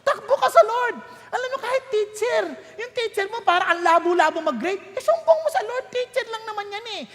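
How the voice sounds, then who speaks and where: A male pastor preaching a sermon, telling lively stories and acting out the voices of the people in them. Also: extremely high pitch, a little fast, few pauses. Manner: lively storytelling, code-switching, acting out voices. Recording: long hall reverb.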